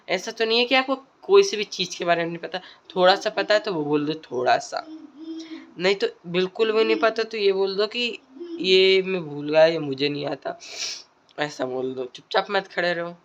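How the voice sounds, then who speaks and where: A man's voice: sits high, fairly bright tone, dull audio. Male creator, casual tutorial delivery, repetitive, filler-heavy, conversational. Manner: repeats phrases, frequent tag questions and fillers. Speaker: video creator giving speaking tips.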